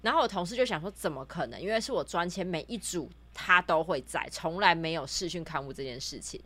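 A woman with a Taiwanese accent recounts an incident in casual podcast chat, and her pitch swings widely. Her voice sits slightly low, and she slips into the quoted dialogue as she goes. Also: fast talker. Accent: Taiwanese Mandarin. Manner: animated storytelling, acts out quoted dialogue. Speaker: podcast co-host, real estate agent.

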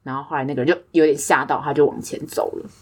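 A woman's voice: sits low, fast, slightly rough. A young woman with a Taiwanese Mandarin accent, co-hosting a podcast and telling stories in casual chat, acting out the voices she quotes. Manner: animated storytelling, acts out quoted voices. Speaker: podcast co-host.

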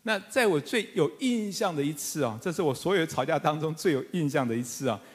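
A middle-aged man pastor preaching a sermon, animated and fervent, with humorous asides to the congregation. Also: a little high, brisk. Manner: animated, rising to fervent emphatic calls. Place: church sanctuary with congregation. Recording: long church hall reverb.

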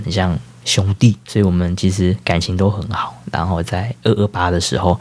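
A man's voice: low-pitched, a little mellow. A man, hosting a podcast and telling a casual, rambling story full of fillers and self-corrections. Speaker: podcast host.

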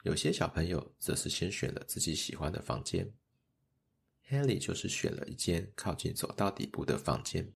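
A man narrating a children's story in a gentle, measured way. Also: low voice, gravelly, breathy edge.

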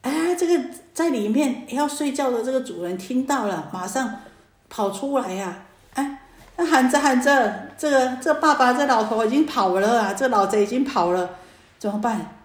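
A woman teaching as a Buddhist Dharma teacher, telling stories in a lively, animated way with many drawn-out fillers. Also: on the high side. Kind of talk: sermon with storytelling. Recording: echoey room.

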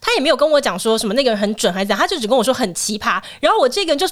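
A woman with a Taiwanese Mandarin accent hosting a casual podcast, talking fast in a fairly high voice. She reacts to her guest with quick little interjections and launches into her own stories. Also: lively intonation, a bit bright. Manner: chatty, reacts with short interjections. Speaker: podcast host. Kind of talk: casual chat.

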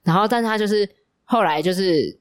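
A woman's voice: mid-range voice, brisk, clean tone. A woman speaking Taiwanese Mandarin, a parenting educator co-hosting a podcast, telling a story with rising emotion and frequent laughter. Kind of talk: casual chat.

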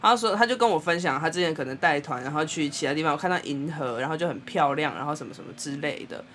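A young Taiwanese woman with a Taiwanese Mandarin accent, co-hosting a podcast and telling a story in a blunt, animated way, laughing often. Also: low voice, fast talker, slight background noise. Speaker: podcast co-host. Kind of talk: casual storytelling chat.

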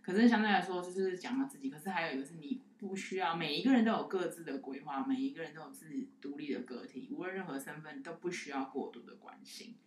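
A woman's voice: deep voice, quick pace, hardly any pauses, echoey room. A woman co-hosting a casual podcast chat with a Taiwanese Mandarin accent, speaking in a reflective way and often giving short replies while listening. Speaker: podcast co-host.

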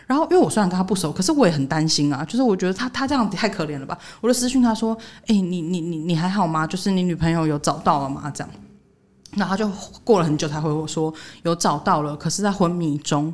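A young woman, co-hosting a podcast and telling a workplace story in casual chat. She acts out what others said, jumping up in pitch for the quotes. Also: fast. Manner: animated retelling, voicing others' quotes with jumps in pitch. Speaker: podcast co-host.

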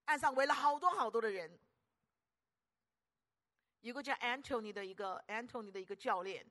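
An older woman preacher, giving an animated, teasing sermon full of rhetorical questions. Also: on the high side, normal speed.

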